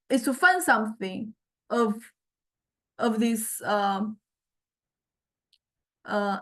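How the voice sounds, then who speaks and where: Her voice a little high, a music technology lecturer demonstrates software in an informal session. Her delivery is halting, with repeated word beginnings and frequent check-in questions.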